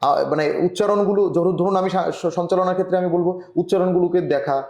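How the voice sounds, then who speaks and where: A man from Tripura, India, giving earnest advice as a journalist guest in an online interview, often pausing and restarting. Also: sits high, a little mellow, reverberant. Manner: earnest, advising, with frequent hesitations. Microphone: video call.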